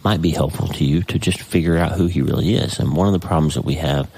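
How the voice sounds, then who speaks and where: Speaking fast in a very deep, gravelly, husky voice with a darkish tone, this middle-aged podcast host sounds stuffy and congested. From his home office desk he delivers a casual, faith-centered monologue, earnest and folksy, with frequent restarts. The audio has no echo.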